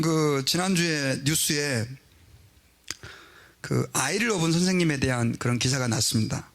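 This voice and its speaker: Gravelly male pastor preaching conversationally. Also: a little high. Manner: conversational preaching, addressing the congregation often. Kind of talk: sermon.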